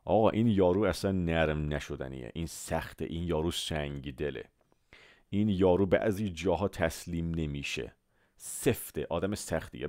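Low-voiced, lively male vocabulary teacher. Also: no room sound, studio quality. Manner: slow, drawn-out model pronunciations of English words; repeats words and asks listeners to say them after him. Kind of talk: Persian-language vocabulary lesson with English examples.

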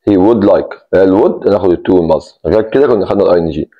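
A man's voice: low-pitched, fast talker, dull audio. A man with an Egyptian Arabic accent teaching an English grammar lesson, explaining step by step and repeating key points. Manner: explains step by step, repeats key words, stresses "take care".

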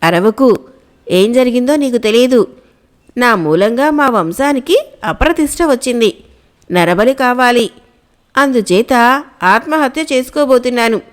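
A woman voicing a landlord's young son caught stealing in a storybook tale, talking low and urgent. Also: lively intonation, unhurried, long pauses.

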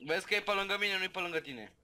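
Bright-voiced gamer calling out. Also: male voice, sits high. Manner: excited callouts, repeating words. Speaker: gaming friend. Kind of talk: casual gaming chat with friends.

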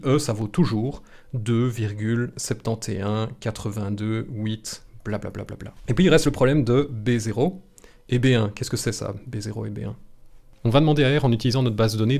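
His voice is mid-range and a little mellow. In a small room at home, he sits near the microphone and runs an informal live statistics lesson step by step, a thirtysomething man with a Belgian French accent who is friendly, reassuring, casually blunt, and playful.

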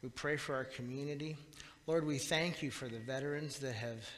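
A man's voice: mid-range voice, fairly bright tone. Earnest man praying in a church hall. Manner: earnest, halting with repeated words. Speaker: pastor. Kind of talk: spoken church prayer. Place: small church sanctuary, indoors. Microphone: far camera at the back of the church. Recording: reverberant church hall, faint room hiss.

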